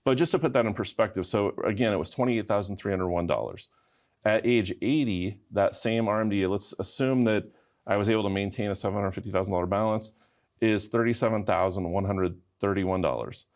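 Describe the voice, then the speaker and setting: A man co-hosting a financial advice show, calmly walking through figures one step at a time. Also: fairly low pitch. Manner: measured, walks through numbers step by step. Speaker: financial advisor co-host. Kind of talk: explanatory radio talk.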